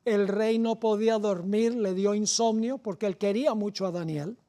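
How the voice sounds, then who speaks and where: A woman preaching a sermon, with deliberate phrasing and rising emphasis on key words. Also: mid-range voice, warm tone.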